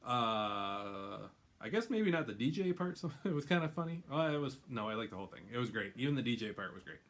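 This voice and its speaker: A male host chatting in a casual, rambling way at a middle pitch, often breaking into laughter. His talk wanders between topics before getting back on track. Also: very animated, brisk, fairly bright tone. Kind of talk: casual chat.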